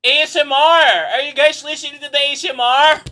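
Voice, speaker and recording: A man with a Filipino accent, chatting excitedly on a livestream while unboxing, often yelping and shouting. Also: very high-pitched, a little fast, a little hiss or hum. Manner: excitable, yelps and shouts, switches between English and Tagalog. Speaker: streamer.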